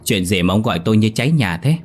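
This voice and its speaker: A man with a deep voice reading as a cruel, jealous older wife who sneers and taunts in a storytelling narration. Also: lively intonation, quick pace, husky, faint music behind. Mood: bitter.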